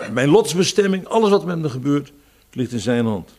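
Male preacher, sermon, reflective, raises emphasis then drops quiet, quotes psalms. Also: fairly high pitch, big pitch swings, a little slow, slightly rough. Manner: reflective, quoting psalms and scripture; swings between raised emphasis and quiet, dropped phrases.

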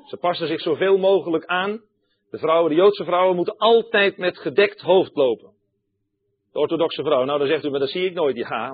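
Male preacher, emphatic sermon delivery, repeats key lines, talks straight to the congregation; fairly high voice, husky, tinny phone-like sound. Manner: emphatic, repeats key phrases, addresses listeners directly.

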